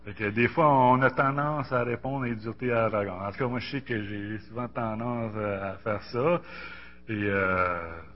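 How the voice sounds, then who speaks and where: A Bible study participant in his forties, with a Québécois French accent and medium pitch, talks casually about faith and offers personal testimony. His speech is halting and colloquial, with lots of repeated words, and the lo-fi audio is muffled with a faint hum.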